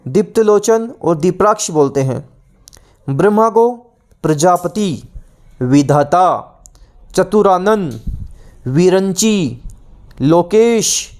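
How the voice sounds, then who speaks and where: A male teacher giving an exam-prep lesson, repeating each word list aloud and asking and answering his own questions. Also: high voice. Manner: repetitive, drilling word lists aloud.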